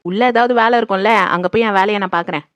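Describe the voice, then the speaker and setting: A woman voicing a sassy young daughter-in-law who talks back fast and never stops for long. Her voice sits at an everyday middle pitch, recorded close and dry. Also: fairly bright tone, no room sound, dull audio, lightly acted. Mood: dismissive. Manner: quick, sassy back-talk. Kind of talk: comedy skit acting.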